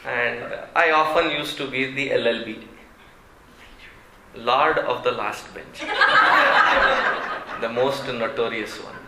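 A man with a South Indian accent telling an anecdote to an audience in an expressive, amused way with deliberate pauses. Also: medium pitch. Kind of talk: animated storytelling talk. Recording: roomy echo, faint background noise.

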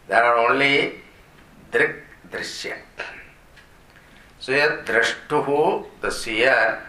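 A man's voice: mid-range voice, pushed and bright. A man with an Indian accent giving an explanatory Vedanta discourse as a spiritual teacher, repeating and glossing Sanskrit terms. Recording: roomy echo, faint background noise.

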